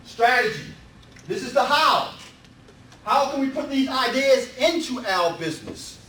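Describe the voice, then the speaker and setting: With a very high-pitched, sing-song voice that sounds pushed and bright, a man presents a real estate seminar at an unhurried pace. He motivates his audience emphatically, repeating himself and asking rhetorical questions. The indoor meetup room comes across distant and echoey, with background noise.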